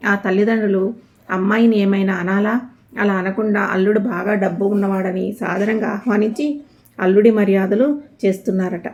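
A gossip-loving wife confides neighbourhood news in a chatty, eager way, as in a comic storybook, voiced by a woman narrator. The tone is mellow and warm, close to an everyday reading voice. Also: mid-range voice, lightly acted.

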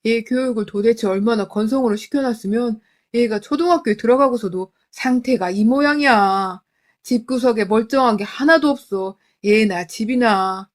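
A woman's voice: a little high, normal speed, natural voice. A woman voicing a contemptuous elderly father-in-law who nags and belittles harshly, in a narrated family story. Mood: scornful scolding.

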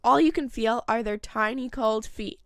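Woman, slightly high voice, scripted nature vlog narration, host, dry recording. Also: normal speed, fairly bright tone, no echo. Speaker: host of a birdwatching video channel.

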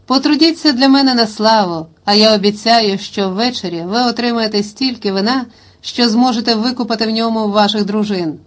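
A woman's voice: mid-range voice, moderate pace, natural voice. A woman reading the lines of a cheerful, spirited young king who rouses his hunting party, in an audiobook. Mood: rousing. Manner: hearty, rousing calls to the hunt.

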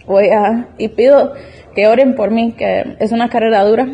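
A woman's voice: a little high, fairly even intonation, normal speed, dark tone, husky, lo-fi sound. A young woman in her twenties giving an emotional, earnest church testimony, often restarting her sentences. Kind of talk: personal faith testimony.

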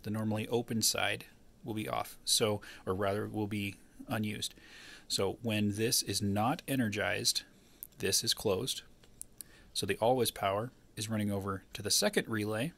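Seated at a wooden table indoors, a DIY tinkerer shows off his own modification in a casual, unscripted, hands-on tutorial. His lowish voice is gravelly and a bit bright, at normal speed, as he explains what he did. It was filmed on a handheld camera.

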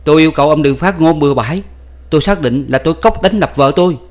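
A male audiobook reader voicing a proud, bitter young husband who rants loudly and theatrically. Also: mid-range voice, normal speed, voice pushed up, lightly acted. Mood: scornful. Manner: loud, ranting, theatrical outbursts.

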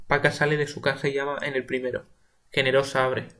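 A young man with a Spain Spanish accent reading the stage directions of a play in a quiet, subdued way. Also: medium pitch, flat delivery, a little fast. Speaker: audiobook reader.

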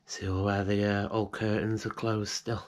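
An urban exploration vlogger from Britain talks casually to viewers while exploring inside an abandoned house, filming on a handheld action camera on a gimbal. He speaks at normal speed in a level tone with a voice on the low side.

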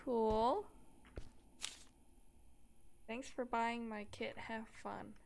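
A woman's voice: a little high, steady tone, drawn-out words, vocal fry, darkish tone, slight background noise. A woman playing a video game and commenting aloud in a chatty, joking way, reacting as she goes. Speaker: let's play gamer. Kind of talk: casual let's play commentary.

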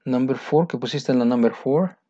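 A man's voice: medium pitch, normal speed, mellow, breathy edge, no echo. A man teaching English, going over exercise answers step by step in a patient, explaining manner and repeating each answer. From Mexico. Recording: dry, dull lo-fi sound.

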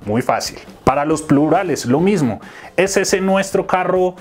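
Teacher, male, patient explainer who slows for examples, slightly high voice. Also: expressive, husky. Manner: slows down to pronounce English examples. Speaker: English teacher. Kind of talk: explaining a lesson.

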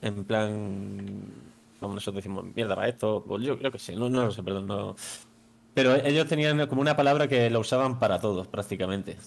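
Chatty streamer man, lowish voice. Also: fairly quick, creaky. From Spain. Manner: chatty, tags many sentences with a questioning aside. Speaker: streamer host. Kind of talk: casual stream chat.

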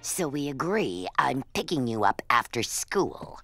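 A domineering cartoon mother with a gravelly, sharp-edged low voice. She speaks slowly and commandingly. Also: sing-song, soft background music, full character voice. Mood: bossy. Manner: bossy, commanding. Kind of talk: cartoon voice acting.

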